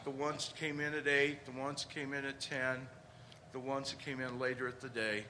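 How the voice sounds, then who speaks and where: A man's voice: medium pitch, flat delivery, moderate pace, bright, forceful tone, a little hiss or hum. A man preaching a conversational homily, with rhetorical questions and emphatic points.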